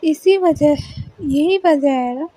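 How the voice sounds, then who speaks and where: Kabir, a serious, short-tempered young college topper voiced by a woman, scolding indignantly. The voice is high and mellow, and the lines come at a slow pace. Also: no room sound. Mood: annoyed.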